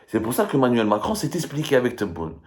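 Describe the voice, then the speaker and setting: An Algerian-accented man reads statements on air and tears into them in live political commentary, emphatic, argumentative and repetitive. His medium-pitched, slightly mellow voice swings hugely in pitch, and he speaks fast.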